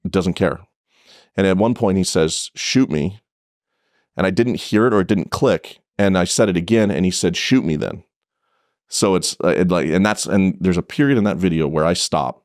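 A man's voice: low voice, normal speed, darkish tone, dry recording, clean studio sound. A man who is a police officer, telling a story in a casual podcast interview, blunt and profane, with frequent restarts.

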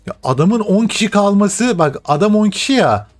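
A young man playing a football video game, commenting live, often cursing and yelling at the game. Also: high voice, expressive, moderate pace, soft background music. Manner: frustrated swearing, shouts at the game. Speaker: gaming streamer.

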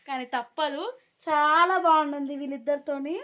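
A woman's voice: sits high, steady tone, moderate pace, background noise. A young woman, chatting casually to camera in a vlog, switching to soothing a crying child now and then. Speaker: vlogger.

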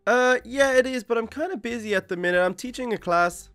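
A man playing a friendly, excitable young turtle teacher in an improvised video game roleplay, chatty and casual. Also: very high-pitched, a little fast, no room sound, faint music behind. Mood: surprised, concerned.

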